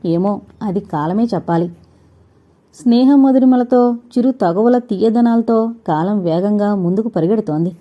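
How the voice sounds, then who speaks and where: A woman narrating a novel in a steady storytelling manner. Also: mid-range voice, measured pace, lo-fi sound. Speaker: audiobook narrator.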